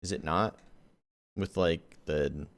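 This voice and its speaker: A man chatting excitedly as he reacts to a game trailer, loose and slangy. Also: low voice, slow, no room sound. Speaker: gaming YouTuber. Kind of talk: casual reaction commentary.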